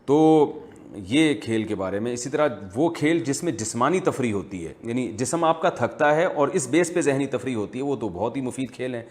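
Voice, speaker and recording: A man speaking as an Islamic scholar, answering viewer questions in a measured, explanatory, teacherly way. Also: medium pitch, expressive, a little mellow. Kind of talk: religious Q&A lecture.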